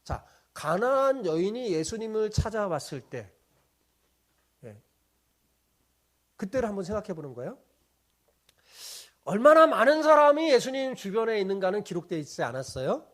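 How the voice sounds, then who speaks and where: A man's voice: high-pitched, very animated, normal speed, pauses often. A man preaching a sermon as pastor. He often asks the congregation questions, answers them himself, and keeps checking in with a tag question.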